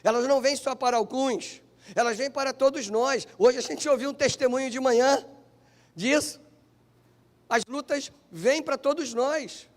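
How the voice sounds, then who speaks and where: A Brazilian Portuguese-accented pastor delivers a sermon in a very high voice for a man. He preaches fervently, stretching key phrases and repeating them for emphasis. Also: moderate pace. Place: church.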